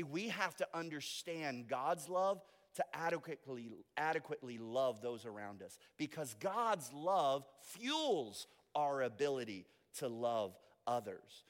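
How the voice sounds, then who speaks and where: A man preaching a sermon as pastor, moving between soft, intimate asides and loud, emphatic declarations. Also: on the high side, big-room sound.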